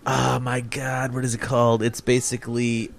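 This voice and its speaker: A man's voice: medium pitch, monotone, moderate pace, vocal fry, slight background noise. A man co-hosting a casual movie commentary, rambling and laughing often. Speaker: podcast co-host.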